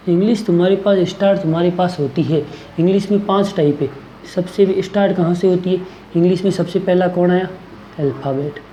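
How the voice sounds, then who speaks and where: Coaching-class teacher, warm relaxed tone, question-and-answer drilling, echoey room. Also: mid-range voice, slight background noise. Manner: asks questions and answers them, repeating key words. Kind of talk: classroom grammar lesson.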